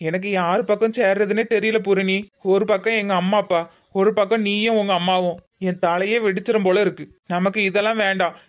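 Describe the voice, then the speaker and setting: Cartoon: man playing a steady, sincere young son-in-law with a Tirunelveli accent, flat delivery, dull recording. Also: high voice, a little fast, lightly acted. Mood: earnest. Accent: Tirunelveli Tamil. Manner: steady, earnest, reasoning. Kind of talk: cartoon comedy voice acting.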